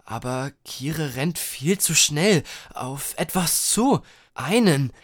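A man reading his part of a children's story with lively engagement. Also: on the high side, slow. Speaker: co-narrator.

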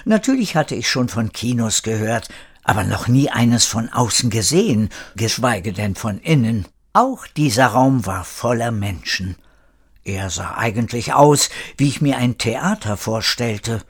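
A man reading a children's story aloud in a calm, measured way. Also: mid-range voice, slightly rough. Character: old parrot narrator recalling the past. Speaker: narrator.

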